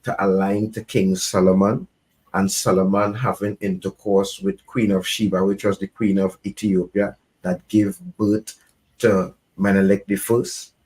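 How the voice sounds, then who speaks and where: A man from Trinidad and Tobago, a reggae artist and guest, speaking at length in a measured, earnest way. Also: sits low, level tone, a little mellow. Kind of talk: reflective conversation.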